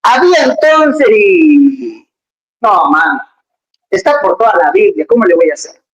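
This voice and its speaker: A preacher giving a lively sermon, full of conversational asides, jokes and rhetorical questions to the congregation. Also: mid-range voice, a little slow, poor audio.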